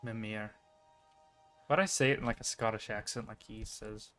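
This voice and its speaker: Male streamer, casual thinking-aloud commentary, mid pitch, faint game music. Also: quick pace, a bit bright.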